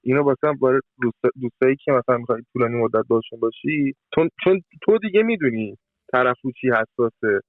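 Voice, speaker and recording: A man's voice: medium pitch, expressive, dry recording. A man speaking in casual chat as a podcast guest, talking conversationally and trailing off mid-phrase. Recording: tinny phone-like sound.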